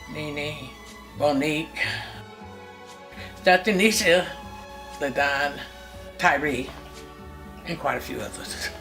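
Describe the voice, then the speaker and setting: Over background music, a Californian woman in her sixties shares memories of her family, naming people and dates one after another. Her voice is low and creaky, and she speaks as an interviewee recalling family life.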